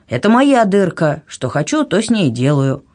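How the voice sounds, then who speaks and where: A woman voicing a touchy, pompous king who shouts in offence. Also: fairly low pitch, big pitch swings, a little slow, pitched above the performer's own voice. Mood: angry. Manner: angry, offended exclamations. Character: irritable older male king, pompous and touchy.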